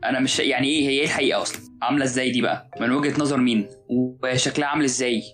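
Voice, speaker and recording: Young man, Egyptian Arabic accent, rapid, musing, halting, music behind. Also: medium pitch, steady tone, fairly bright tone, rough recording. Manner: musing, hesitant, thinking aloud. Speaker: podcast co-host. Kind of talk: casual philosophical chat.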